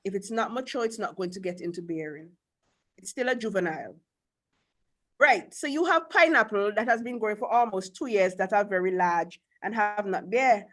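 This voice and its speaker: A woman's voice: medium pitch, animated, moderate pace, a bit bright. A woman with a Caribbean accent teaching a live class as instructor, blunt and emphatic, often firing questions. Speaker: agriculture instructor.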